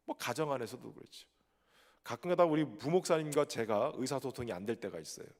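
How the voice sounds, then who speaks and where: Man, pastor, Chungcheong Korean accent, conversational sermon with humor, highly animated pitch, echoing church hall. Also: a little fast. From Chungcheong, South Korea. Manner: lively, conversational preaching with humor. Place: church sanctuary.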